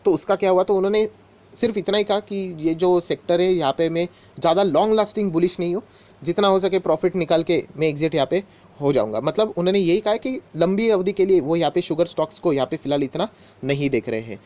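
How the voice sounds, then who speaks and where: A man with a slightly higher than usual voice walks his viewers through stock market news in a relaxed, talkative way. He addresses them directly as friends and falls back on the same filler phrases again and again. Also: fast talker. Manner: conversational, mixes English words into Hindi, repeats filler phrases. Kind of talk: casual explainer talk to viewers.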